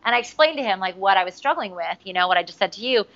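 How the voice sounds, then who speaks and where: A voice actress tells stories in a casual interview, her medium-pitched voice racing and the audio dull. She's chatty, full of "like" fillers, and re-enacts quotes with animation.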